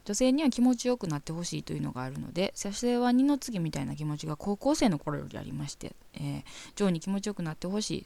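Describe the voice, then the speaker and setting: A woman host with a Kansai lilt reads listener letters aloud and giggles through the racy parts. Her voice is low and gravelly, and it swings widely up and down. The sound is dry and close. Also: a little mellow, no echo. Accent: Kansai Japanese. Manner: giggly, bawdy and frank, laughs often. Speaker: radio host reading listener mail. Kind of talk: casual chat and reading letters aloud.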